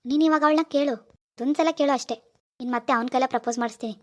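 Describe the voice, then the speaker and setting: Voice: sits high, very fast, darkish tone, close to an everyday voice. A voice actor playing Sanju, a young cartoon boyfriend who keeps begging and wheedling. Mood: pleading. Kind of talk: cartoon voice acting.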